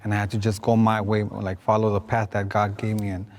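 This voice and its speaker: A middle-aged man joins a group discussion as a guest. He speaks plainly and reflectively, in a fairly low voice. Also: flat delivery, a little fast.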